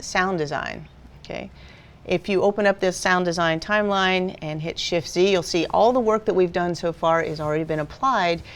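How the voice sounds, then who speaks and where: Low-voiced woman teaching a software tutorial. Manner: patient step-by-step explaining. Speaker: video editing instructor. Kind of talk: screen-recorded software tutorial.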